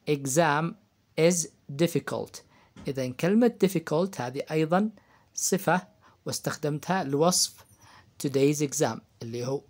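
A male teacher walks students through English grammar. He throws out questions and answers them himself, repeating the key terms so they stick. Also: a little high. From Yemen. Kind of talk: grammar lesson for high-school students.

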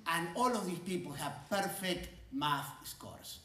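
A man's voice: fairly high pitch, animated, sharp tone. Man in his 60s giving a keynote. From Argentina. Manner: measured, emphatic, stretches key words. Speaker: engineering school dean giving a keynote. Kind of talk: conference keynote talk. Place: large conference stage. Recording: roomy hall sound from a distance.

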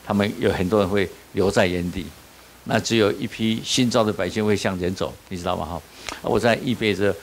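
With a voice on the low side and a little hiss or hum in the audio, a pastor preaches at a small-group leader training. He asks the audience questions and answers them himself, repeatedly adding "你知道吗," meaning "you know?".

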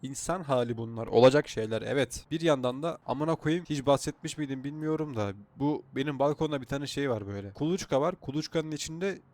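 A man's voice: mid-range voice, a little fast, few pauses, darkish tone. A man with a sore throat, chatting casually and swearing as he comments on his own driving game. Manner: chatty, swears freely, thinks aloud. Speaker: gaming YouTuber.

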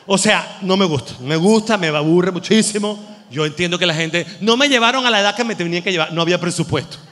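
A man's voice: high-pitched, fast talker, fairly bright tone, long reverb tail. A man with a Venezuelan accent doing a rambling, exasperated, crude stand-up comedy monologue. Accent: Venezuelan Spanish.

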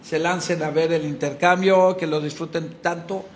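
A man with a slightly raised voice speaks earnestly and gratefully about his play at a press conference. He addresses the audience directly and warmly thanks them. Faint noise sits behind him. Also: fairly high pitch, fairly even intonation, normal speed. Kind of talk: promotional talk.

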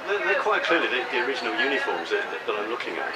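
A man interviewing outdoors, halting and repeating his words as he forms questions. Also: medium pitch, big pitch swings, distant mic, over a noisy crowd. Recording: off-mic with loud outdoor noise.

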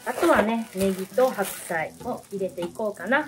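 Woman, around 30, mid-pitched, casual cooking chat, background music. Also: normal speed. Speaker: home cooking and drinking vlogger. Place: home kitchen and dining table. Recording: music behind the voice.

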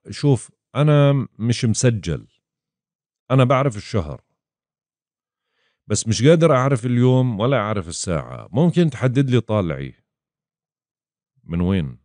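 A man with a low, warm voice gives a casual astrology lesson, acting out his clients' questions in quoted voices. It's a voice-over recorded over a chart screen, with no room sound.

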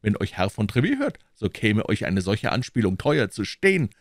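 A man reading aloud and voicing a boastful, self-satisfied male musketeer, loud and smug. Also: lowish voice, very animated, normal speed, no room sound, clean studio sound, voice pushed up. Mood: lecturing.

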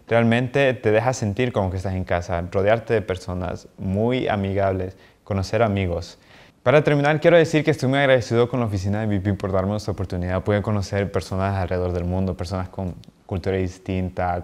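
A young man from Honduras, an international university student giving an earnest, friendly testimonial to camera in a small office. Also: on the low side. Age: young adult. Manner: earnest, friendly, animated with hand gestures. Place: small bright office indoors.

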